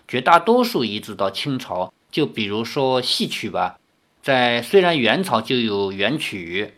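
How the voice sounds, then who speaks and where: A man reading a novel aloud and breaking off for relaxed, chatty commentary. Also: medium pitch. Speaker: audiobook reader.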